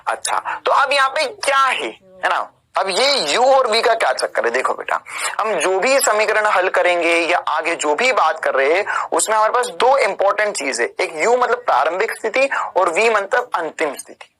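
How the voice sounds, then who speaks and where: On poor audio, a man's high, sing-song voice comes through bright and pushed at a normal pace as he delivers an online physics lecture for exam prep. His style is informal and emphatic: he keeps asking tag questions, addresses students as "beta" and "bhaiya," and jokes casually while explaining.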